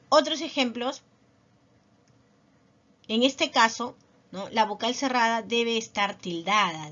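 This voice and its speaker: A woman teacher giving a recorded lesson, explaining slowly and patiently and checking in with little tag questions. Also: on the high side, a bit bright. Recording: dull lo-fi voice recording.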